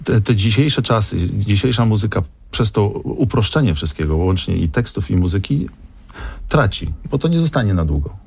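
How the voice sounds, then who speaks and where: A man with a low, husky voice speaks earnestly on a radio panel, hesitating with fillers as he works through his point. His delivery is measured and thoughtful. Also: animated, darkish tone. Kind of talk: radio conversation.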